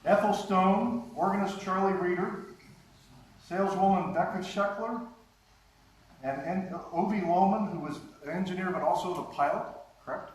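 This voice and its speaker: A man giving an anecdotal, chuckling talk with slides at a live conference, recorded from a distance in a very echoey hall. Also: sits high. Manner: anecdotal, chuckles often, halting restarts. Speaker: guest speaker, former radio and TV writer. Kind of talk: storytelling lecture with slides. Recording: very echoey hall, distant mic, faint hiss.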